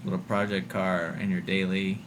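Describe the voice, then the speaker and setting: A man's voice: sits low, flat delivery, normal speed, background noise. A man livestreaming, ranting casually and with exasperation to his chat, swearing often. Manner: profane, exasperated, mocking quoted voices. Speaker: livestream host.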